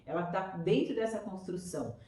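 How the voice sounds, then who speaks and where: A woman's voice: fairly low pitch, expressive, moderate pace, dark tone, a little hiss or hum. A woman teacher with a Brazilian Portuguese accent, explaining children's reading stages to parents in an enthusiastic, chatty way. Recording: echoey room, voice from far off.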